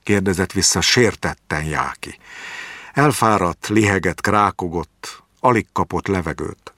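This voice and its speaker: A man narrating a literary short story in a measured, expressive way. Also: low-pitched, no echo, clean studio sound.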